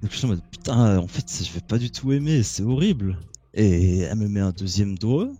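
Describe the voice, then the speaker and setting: A man with a warm, dark, lowish voice recounts an embarrassing story in relaxed chat. He talks loosely and crudely, often breaking into laughter. The tone stays casual and unhurried. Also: husky. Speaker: caller telling a story.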